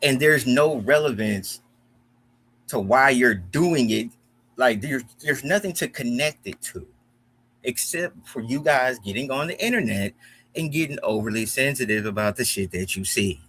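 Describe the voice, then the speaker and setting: Heated, profane American man, animated. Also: medium pitch, a little slow, breathy edge. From United States. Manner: animated, profane, repeats himself when heated. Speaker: commentary host. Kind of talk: heated reaction commentary.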